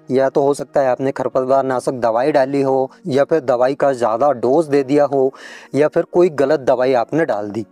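A man's voice: a little high, dark tone. A man hosting a farming advice channel, explaining crop care to farmers in a friendly tutorial way, often addressing them as friends.

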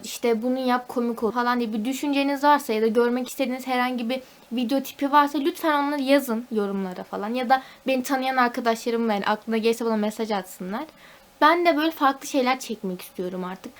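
A young woman, a university student, venting at home in a casual vlog, talkative and mock-dramatic. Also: fairly high pitch. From Turkey. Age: young adult.

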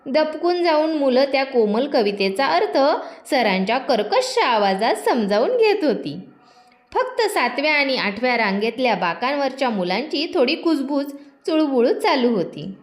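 A woman reads a children's storybook aloud with a lively, expressive delivery. Her voice sits high. Her intonation swings widely and stays animated. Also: normal speed.

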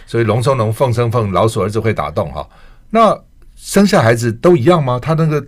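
An older man with a Taiwanese Mandarin accent hosting a radio interview show, asking questions in a quick talk-show manner. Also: medium pitch, animated.

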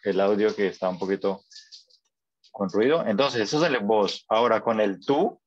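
A man's voice: lowish voice, moderate pace, breathy edge, dry recording. A man teaching a Spanish class over a video call, patient and encouraging, often checking that students follow. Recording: dull lo-fi call audio.

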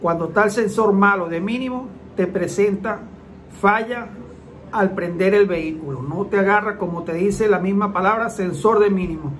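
High-voiced man explaining car repairs. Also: moderate pace, a bit bright, a little hiss or hum, rough recording. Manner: repetitive, plain-spoken, acts out engine sounds. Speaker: automatic transmission mechanic hosting a car repair channel. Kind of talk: casual explanatory talk to viewers.

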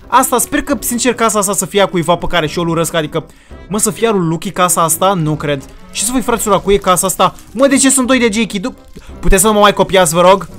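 A man giving excited, theatrical commentary while playing a game, with English exclamations mixed in. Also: sits high, soft background music. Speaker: gaming video creator.

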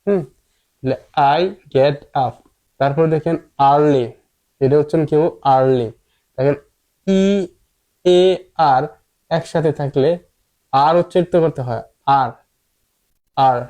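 Guy teaching english pronunciation, mellow voice, says stuff over and over. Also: fairly high pitch, a little slow, long pauses. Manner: patient, repeats each point several times. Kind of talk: explanatory lesson with repetition.

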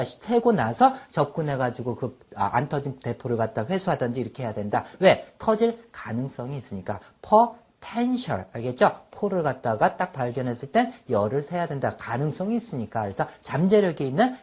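A husky-voiced man leads a recorded online vocabulary lesson. His pitch swings widely as he stretches each English word out slowly for students to repeat back. He checks in with short questions between points. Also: darkish tone. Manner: drills words slowly and has students repeat them; checks in often with quick rhetorical questions.

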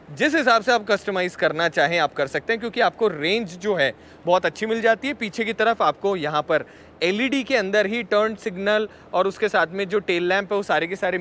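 At an outdoor expo, a man reviews a vehicle in a chatty walkaround aimed at viewers he treats as friends. His voice sits high with a sharp tone, and a little hiss or hum can be heard.

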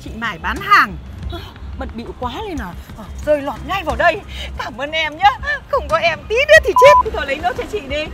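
A crafty chicken seller, very high voice. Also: female voice, big pitch swings, loud music behind the voice. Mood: wheedling. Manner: fast-talking sales patter, cheeky. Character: crafty chatty female market chicken seller. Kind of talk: sitcom acting.

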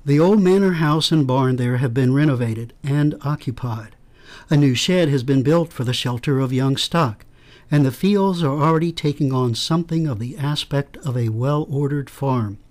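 A man giving a formal, deliberate reading of historical quotations. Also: medium pitch, a little mellow. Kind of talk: scripted reading of historical quotes.

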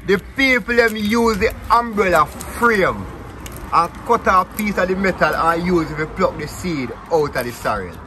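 A man with a Jamaican accent hosting a casual vlog on a rural farm, chatting in lively patois. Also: high-pitched, normal speed, a little hiss or hum. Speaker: vlog host. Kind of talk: casual on-location chat. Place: outdoors at a rural farmyard.

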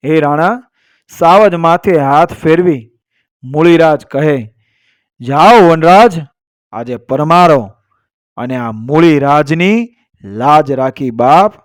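Slow, measured male storyteller. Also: on the high side, clear, resonant tone, no room sound, studio quality. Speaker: storyteller and channel host. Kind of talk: folk tale narration.

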